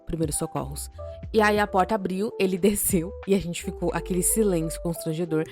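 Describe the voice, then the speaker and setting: A woman's voice: lowish voice, faint music behind. A young woman with a Brazilian accent, co-hosting a podcast and telling a story in a casual, slangy, swearing way. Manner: animated, slangy and profane, quick shifts in loudness. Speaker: podcast co-host.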